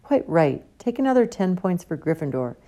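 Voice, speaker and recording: A woman's voice: very animated, moderate pace, dark tone. A woman playing a jovial pompous old professor. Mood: genial. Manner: genial, theatrical, booming. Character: jovial pompous old male potions teacher.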